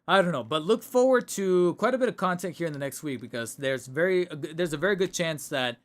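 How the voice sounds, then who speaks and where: Animated and talking a little fast, this man has a voice on the high side. He's streaming casually from a home room through a desk mic, chatting, rambling, and correcting himself as his voice gets tired.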